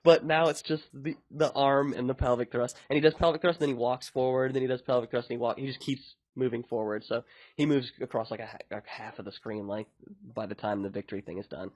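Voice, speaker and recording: A man's voice: medium pitch, fairly even intonation, fast talker, a little mellow, no echo. Man chatting casually, dry close recording. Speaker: podcast host and indie game developer. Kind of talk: casual podcast chat.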